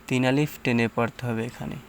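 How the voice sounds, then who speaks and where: A man's voice: mid-range voice, fairly even intonation, a little fast, slight background noise. A man teaching Quran reading, sounding out syllables one at a time and explaining the tajweed rules patiently. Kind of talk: tajweed lesson, syllable-by-syllable recitation.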